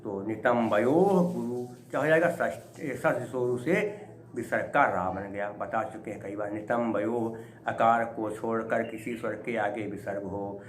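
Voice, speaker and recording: Man slowly explaining Sanskrit verse. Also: lowish voice. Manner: chants verse slowly, then explains quickly with rhetorical questions. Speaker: Sanskrit lecturer. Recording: echoey room with faint ambient noise.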